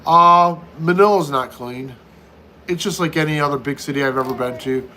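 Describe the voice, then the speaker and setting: A talkative American man in his fifties whose voice sits a little high for a man. He runs a relaxed live-stream chat and repeats his points as he answers viewers one by one. A faint hiss runs under his speech. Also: normal speed, rough recording. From United States. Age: 50s. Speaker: livestream host.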